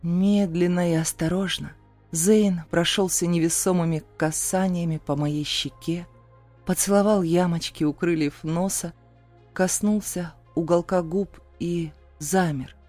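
A woman narrating a first-person romance audiobook in a soft, intimate storytelling manner. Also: fairly low pitch, steady tone, a little slow, faint music behind.

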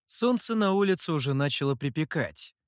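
A man narrating a fantasy story with an expressive, animated reading. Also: fairly high pitch, a little fast, dry recording, clean studio sound.

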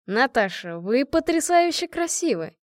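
A woman's voice: a little high, animated, moderate pace, dry recording, clean studio sound, natural voice. A woman voicing a proud, courteous Irish freedom fighter who speaks in a formal, gallant way. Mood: admiring.

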